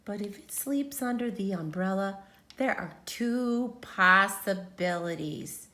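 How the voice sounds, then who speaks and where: With a bright, high voice, a woman who teaches reads a children's picture book out loud. Her unhurried, theatrical reading builds quiet suspense, pauses for drama, then bursts into sudden emphasis.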